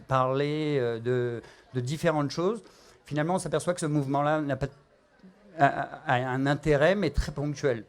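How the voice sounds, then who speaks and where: A middle-aged man with a Parisian French accent, a chef explaining a cooking demonstration, with frequent fillers and restarts. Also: on the high side. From France.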